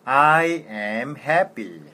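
A man's voice: medium pitch, animated, pushed and bright. A man taking an English lesson, answering briefly and repeating phrases after his teacher. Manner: slow, compliant, brief replies. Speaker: student.

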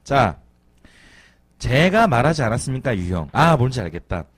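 Young male co-host, foul-mouthed ranter, husky, lively pitch, dry close mic. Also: normal speed, no room sound. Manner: profane, ranting, mimics angry fans. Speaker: podcast co-host. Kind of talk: casual fan podcast chat.

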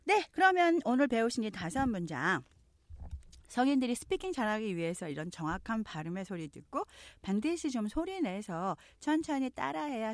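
A woman's voice: lowish voice, darkish tone, no echo. A middle-aged woman teaching an English pronunciation lesson, explaining patiently and stretching out sounds to demonstrate them.

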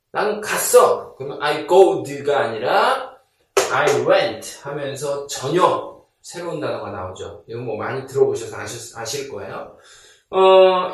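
A man's voice: mid-range voice, very echoey, recorded from a distance. A man teaching a beginner English lesson, patiently drilling word pairs and repeating each one.

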